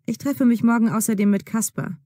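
A woman playing an evasive, smooth-talking man. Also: a little high, a little fast, warm tone, no echo, clean studio sound, voice pushed up, natural voice. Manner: evasive, then upbeat and persuasive. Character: evasive, smooth-talking male gallery manager. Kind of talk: acted dialogue in a learner audio drama.

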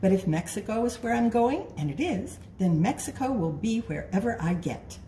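A woman's voice: medium pitch, sing-song, normal speed, dark tone, echoey room, a little hiss or hum. A woman voicing a tiny, determined female caterpillar bug who chants her lines in a singsong way while reading a storybook aloud.

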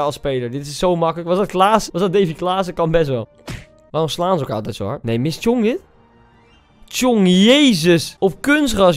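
Incredulous young man reacting, clear voice. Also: a little high. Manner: incredulous, teasing, quick exclamations. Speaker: YouTuber. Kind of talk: casual reaction commentary.

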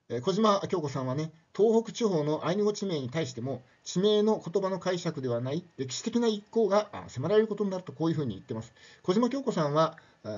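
A man's voice: on the high side, warm tone, muffled recording. An older man giving a casual spoken lecture, chatty and loose, with many tag questions and fillers.

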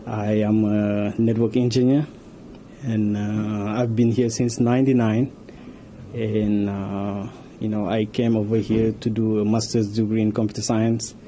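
A man from Senegal working as a network engineer answers interview questions, explaining things in a steady way. His voice is mid-pitched and warm, and a faint hiss sits beneath the handheld mic. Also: measured pace. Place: office with world map on wall. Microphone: handheld reporter mic.

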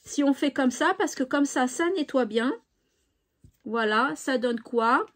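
A woman's voice: high-pitched, unhurried, a bit bright. A woman hosting a craft tutorial, chatting casually and thinking aloud with fillers. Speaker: craft channel host.

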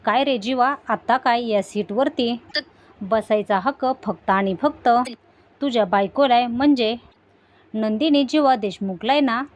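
A woman voicing a hurt, jealous young woman, reading her taunting lines in a slightly high voice. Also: measured pace, dull audio, natural voice. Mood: bitter taunting. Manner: bitter, taunting retelling.

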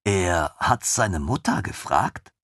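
A man voicing a blunt, baffled woman in a fantasy audiobook, asking flat, incredulous questions. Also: low-pitched, slow, no echo, studio quality, heavily acted. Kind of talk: audiobook character voice.

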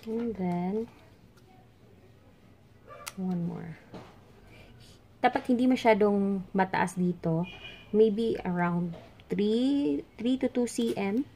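Slow and pausing often, a Filipino plant vlogger with a Visayan accent speaks in a mellow, mid-range voice, with a little hiss or hum in the audio. She chats casually while demonstrating plant care with her hands at an indoor table of potted plants, mixing English with Tagalog and Bisaya.

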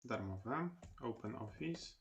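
Gravelly-voiced man teaching a tutorial. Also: mid-range voice, lively intonation, fairly bright tone, a little hiss or hum. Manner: unhurried, many filler sounds. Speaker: lecturer. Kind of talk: screen-recorded platform tutorial.

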